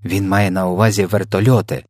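A man's voice: sits low, flat delivery, fairly quick, a little mellow, dry recording, clean studio sound, lightly acted. A man reading an audiobook, voicing a polite, level-headed little girl, in nearly his own voice. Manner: polite, matter-of-fact. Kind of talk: storybook character voice.

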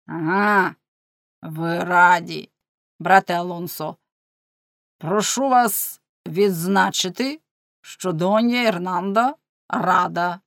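A woman's voice: lowish voice, moderate pace, no room sound, clean studio sound, natural voice. A woman voicing an arrogant male governor who mocks his wife in a scornful, pompous way, as a character in an audiobook. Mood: mocking.

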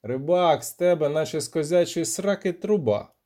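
A man's voice: fairly high pitch, expressive, normal speed, dark tone, natural voice. A man voicing a blunt, weary male monster hunter in an audiobook, dry and scolding. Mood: dryly scolding. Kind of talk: audiobook character voice.

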